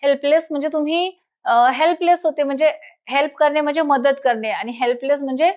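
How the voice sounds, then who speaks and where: High-voiced woman teacher. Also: darkish tone. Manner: reads English lines slowly, then translates and explains. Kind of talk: English lesson explained in Marathi.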